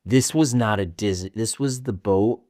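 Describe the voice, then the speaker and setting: A man with a fairly low voice co-hosts a laid-back chat podcast. He rambles and restarts his sentences and swears casually as he talks things over. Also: a little slow, a little mellow, dry recording, studio quality. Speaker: podcast co-host.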